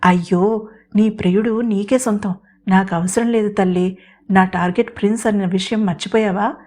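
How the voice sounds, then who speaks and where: A woman's voice: mid-range voice, steady tone, darkish tone, close to an everyday voice. A woman voicing a bold, scheming young woman who scolds and bosses others in an audio story. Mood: bossy teasing. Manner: bossy, rapid, scolding.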